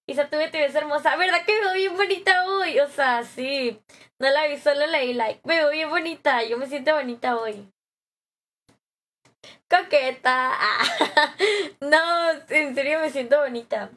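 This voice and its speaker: A young Mexican woman streaming live, chatting with viewers in a bubbly, slangy way, her voice a little hoarse from a sore throat. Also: sits high, lively intonation, measured pace, long pauses, fairly bright tone. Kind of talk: live stream chat, greeting viewers and reading comments.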